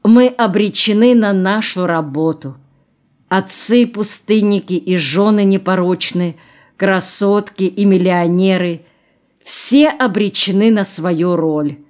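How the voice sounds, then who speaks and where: A woman's voice: mid-range voice, darkish tone, natural voice. A woman reading the part of a male geologist and party chief, plain, dry and wry, in an audiobook.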